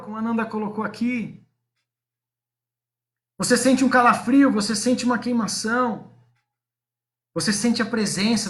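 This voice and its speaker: Man, pastor, high-pitched, preaching, direct address. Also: a bit bright. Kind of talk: live-streamed sermon.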